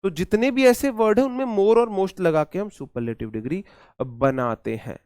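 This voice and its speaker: A man teaching English grammar for exam preparation, repeating words slowly and calling his students "brother". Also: sits high, a little mellow, smooth, no echo, clean studio sound. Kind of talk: exam-prep lecture.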